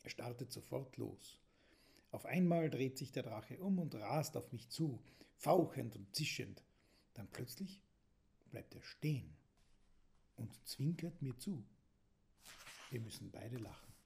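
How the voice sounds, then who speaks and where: Male storyteller, gravel in the voice, calm bedtime-story reading with soft whispered moments. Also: mid-range voice, takes it slowly, pauses often. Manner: calm, gentle reading that drops to a whisper at times. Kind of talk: reading a children's story aloud.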